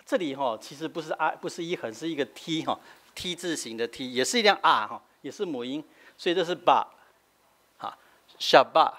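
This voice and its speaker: Middle-aged Taiwanese-accented pastor, teaching sermon, slightly high and very animated delivery, habitual "hah" tags. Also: male voice, a little fast. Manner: explanatory, frequent filler "hah" tags, switching between Taiwanese and Mandarin.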